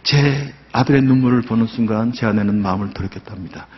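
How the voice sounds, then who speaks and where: A man's voice: medium pitch, fast talker. Older man's heartfelt church testimony. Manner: earnest, heartfelt storytelling. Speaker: church elder giving testimony. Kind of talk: personal testimony at a dawn prayer service. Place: church sanctuary. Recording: dull sound with long hall reverb.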